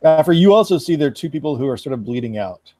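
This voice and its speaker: Mellow-voiced man running a tabletop game. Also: on the high side, no room sound. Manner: relaxed, measured narration with casual fillers. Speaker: game master.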